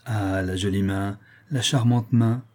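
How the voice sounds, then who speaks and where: A man reading an audiobook, voicing a fawning, glib male doctor with a flattering, bustling manner. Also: fairly low pitch, unhurried, lightly acted. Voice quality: raised, loud, honeyed delivery.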